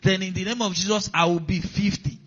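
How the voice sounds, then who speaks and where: This pastor's voice sits high and is a bit bright with a breathy edge, his intonation fairly even and his pace a little fast. He preaches with repetition of key lines and call-outs to the congregation, captured with dull lo-fi sound.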